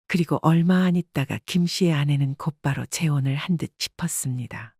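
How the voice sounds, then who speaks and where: A storyteller giving a measured, scripted audiobook narration in an even delivery. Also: medium pitch, breathy edge, dry recording, studio quality.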